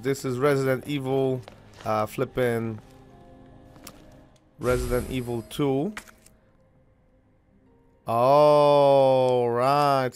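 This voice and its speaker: A young Polish man, a native Polish speaker who hosts a gaming channel, commentates a video game over a headset mic. His mid-range voice has a clean tone, and he rambles in a chatty way full of fillers.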